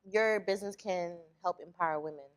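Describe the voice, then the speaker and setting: A young adult woman hosting an interview show, chatty and animated, often restarting her sentences. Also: lowish voice, brisk. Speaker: host.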